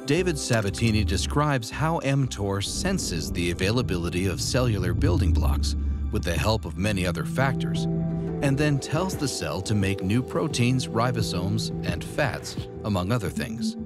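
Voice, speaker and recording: A man giving measured, formal scripted narration for a news release. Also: lowish voice, sing-song. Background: music.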